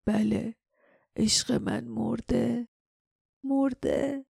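A dazed, injured man murmurs faint, halting words to someone he loves, as a woman narrator puts him on. His voice is gravelly and dark, held to a flat, weak line, recorded dry and close for an audiobook. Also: a little high, no room sound, pitched above the performer's own voice. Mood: faint tender. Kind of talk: audiobook character voice.

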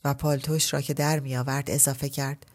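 A woman narrating a literary story as an audiobook, reading at a measured pace. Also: very deep voice, little pitch movement, darkish tone.

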